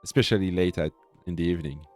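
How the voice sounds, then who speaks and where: Low-pitched man with a French accent. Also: fast, darkish tone, faint music behind. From France. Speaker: host of a coding livestream. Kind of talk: casual livestream chat.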